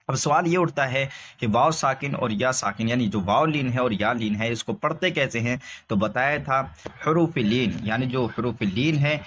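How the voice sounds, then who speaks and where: Male reading teacher, patient repetitive lesson, spells out syllables slowly, mid-pitched voice. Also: fairly bright tone, slight background noise. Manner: slow repetitive explaining, drawn-out spelled recitation. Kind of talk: recorded lesson.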